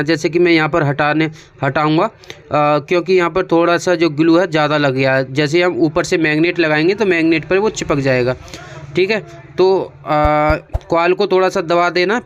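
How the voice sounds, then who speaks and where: Speaking on the high side, a technician with an Indian accent walks through a practical repair job step by step, chatting casually and frequently repeating what to do. There's clearly noticeable noise behind him.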